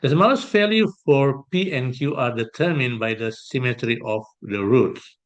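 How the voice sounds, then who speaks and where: A man working through an exam problem as a math tutor, thinking aloud with pauses and fillers. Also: medium pitch, muffled recording. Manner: slow, hesitant, thinking aloud while sketching. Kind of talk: exam solution walkthrough.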